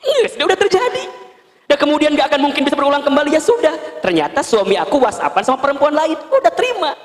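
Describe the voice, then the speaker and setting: A male Islamic preacher with a Sundanese accent, giving a lively sermon to women and acting out scenes with gentle humor. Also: extremely high pitch, racing. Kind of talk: sermon to a women's study group. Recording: long hall reverb.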